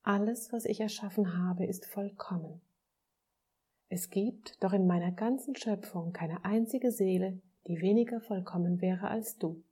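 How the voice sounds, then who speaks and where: A calm, loving God from a storybook, spoken by a woman, slow and patient. The voice is mellow and low-lit, with a soft breathy touch.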